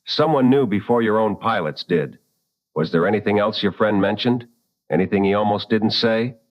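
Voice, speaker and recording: In an audio drama, a man plays a calm late-night radio call-in host who is measured, courteous and probing. His natural voice is fairly low. The recording is somewhat dull with no echo.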